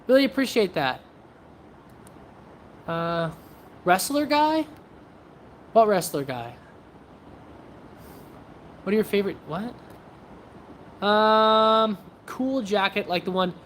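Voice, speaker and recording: Woman streamer, casual and rambling, mid-pitched voice, faint background noise. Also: expressive, takes it slowly, pauses often. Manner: chatty, scattered, self-interrupting. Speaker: livestream host and sword practitioner. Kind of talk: casual livestream chat with viewers.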